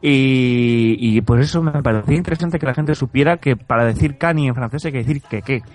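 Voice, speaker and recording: A man's voice: mid-range voice, fairly quick, darkish tone, soft background music. A man from Spain hosting a comedic chat segment, rambling and joking with frequent laughter. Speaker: podcast segment host.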